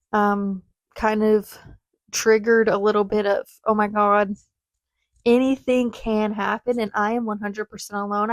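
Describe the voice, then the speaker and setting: A woman's voice: medium pitch, dry recording. A woman in her twenties hosting a casual solo podcast, telling a rambling personal story with chatty tangents. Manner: chatty, rambling, self-deprecating with frequent tangents. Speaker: podcast host.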